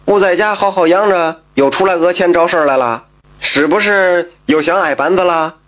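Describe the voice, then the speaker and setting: Brief: male storyteller doing a fed-up street peddler, shrill and scoffing, storybook telling. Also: very animated, moderate pace. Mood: defiant. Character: exasperated, defiant male peddler.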